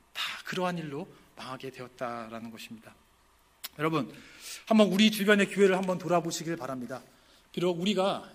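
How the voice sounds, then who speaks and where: A male pastor delivers a sermon in a high, bright, ringing voice. He leans on rhetorical questions, lifting them to emphatic peaks before sinking low at the close. When he lists the virtues one by one, he slows to a deliberate pace.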